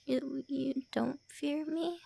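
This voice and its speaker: Voicing a centuries-old vampire lord who appears to be in her early twenties, a woman speaks slowly in a high, creaky, warm, exaggerated voice with fairly even intonation, recorded dry. It's an ASMR roleplay where the secretly shy, tsundere character whispers, stammers, and brusquely calls the listener names in flustered teasing.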